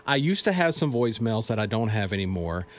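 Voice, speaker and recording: A man's voice: lowish voice, big pitch swings, slight background noise. Reminiscing man filling in on morning radio. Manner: reminiscing, halting with restarts. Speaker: fill-in radio morning show host. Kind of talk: casual radio chat.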